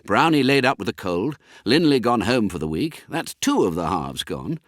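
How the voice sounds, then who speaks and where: A man voicing a worried schoolboy football captain, brisk and exasperated. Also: fairly low pitch, big pitch swings, dry recording, studio quality.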